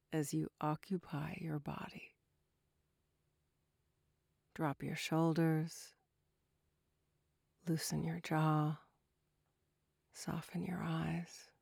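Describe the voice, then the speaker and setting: A woman softly narrating a guided relaxation like a sleep story, with gentle, breathy, unhurried instructions that drift toward a whisper. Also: low voice, dry recording, studio quality.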